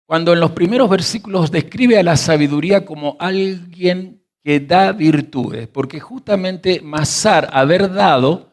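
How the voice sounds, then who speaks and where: A man teaching a sermon. He reads verses, then explains word roots slowly and quizzes his listeners. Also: high-pitched. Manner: animated, stretches key words slowly. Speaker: pastor teaching scripture.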